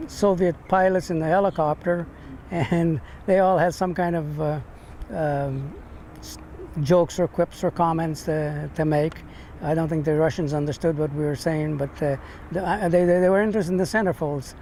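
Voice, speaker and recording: An older American man who served on a navy ship looks back on his time in the service during an interview. He talks haltingly, with long pauses and repeated words. The recording is noisy, with a constant rumble in the background.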